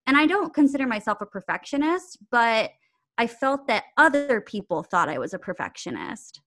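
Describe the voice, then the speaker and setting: A woman guest on a podcast, an acting coach, speaks at a normal speed in a slightly high, very animated voice. She talks earnestly and reflectively in a casual conversation, breaking into bursts of laughter.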